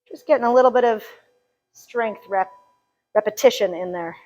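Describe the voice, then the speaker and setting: In a low-quality recording, a woman with a mid-range, slightly mellow voice speaks at normal speed while running a live chair yoga session, cheerful and joking as she counts reps, a little winded at times.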